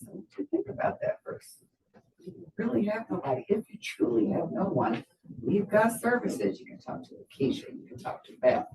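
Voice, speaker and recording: Brief: woman teacher telling a story, very lively pitch, distant in an echoey room. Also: normal speed. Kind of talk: sharing a classroom anecdote. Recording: roomy hall, far from mic.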